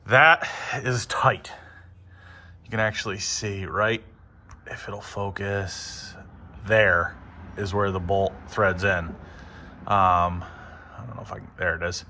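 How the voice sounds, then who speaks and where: A man casually talking through motorcycle work in his garage, relaxed and rambling with many ums. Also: fairly low pitch, takes it slowly, long pauses, a little hiss or hum. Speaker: motorcycle vlogger. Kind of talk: casual how-to narration.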